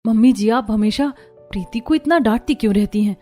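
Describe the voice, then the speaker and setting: Woman playing a gentle cartoon daughter-in-law, soft-spoken. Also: fairly high pitch, a little fast, soft background music, natural voice. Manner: soft, polite.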